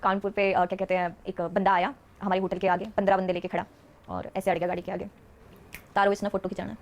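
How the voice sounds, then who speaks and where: A woman's voice: lowish voice, little pitch movement, fast, highs cut off. A woman, a stage dancer, telling stories as a podcast guest and often laughing mid-sentence. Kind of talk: casual storytelling interview.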